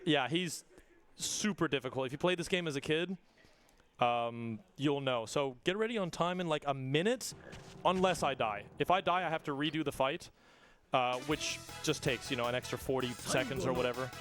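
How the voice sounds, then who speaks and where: A man giving casual, excited live commentary while speedrunning a game. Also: medium pitch. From not Australian. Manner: casual, excited, talks fast between game moments. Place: live event stage. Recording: game music playing behind.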